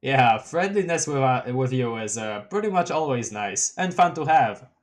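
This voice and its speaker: A man voicing a hesitant, polite troll boy who talks in halting phrases full of pauses. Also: mid-range voice, lively intonation, lightly acted. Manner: halting, unsure, many filler pauses.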